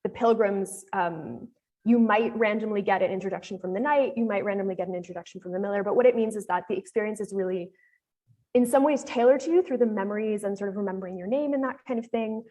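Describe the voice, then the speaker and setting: A woman's voice: medium pitch, quick pace, dark tone. A woman with an American accent giving a casual, explanatory live demo presentation on a panel, talking with frequent fillers.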